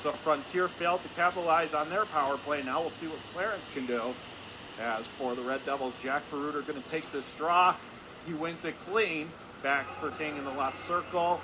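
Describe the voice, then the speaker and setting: Over the steady roar of a hockey arena, a radio play-by-play announcer calls the game live in clipped, running phrases. His voice is on the high side with a steady tone and normal speed, climbing as the action builds.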